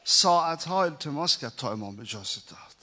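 A man giving a mourning sermon, telling the story in a hushed voice and rising to shouted, emotional lament. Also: on the high side, expressive. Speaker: preacher.

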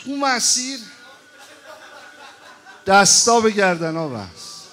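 High, bright-voiced man preaching a lament. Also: sing-song. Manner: swings from hushed telling to wailing shouts. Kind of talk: mourning sermon with chanted lament.

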